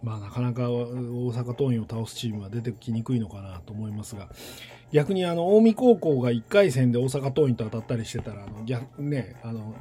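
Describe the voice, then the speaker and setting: A man in his forties with a warm, mellow voice and a middle pitch talks through his thoughts, pausing often and hunting for words. His standard Japanese carries a light Kansai tinge. Faint music plays under him. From western Tokyo. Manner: rambling, thinking aloud with many pauses. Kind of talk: casual solo monologue.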